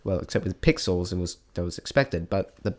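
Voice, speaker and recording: A man with a deep, animated voice gives an unscripted spoken review, talking a little fast. As an amateur reviewer airing his opinions, he rambles hesitantly and often stammers or stops mid-thought.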